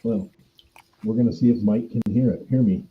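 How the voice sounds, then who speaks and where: A man's voice: on the low side, moderate pace. A man hosting a casual video call, his voice muffled as if through a wall. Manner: easygoing, rambling. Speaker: host, travel agent. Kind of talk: casual chat. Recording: dull, muffled lo-fi audio.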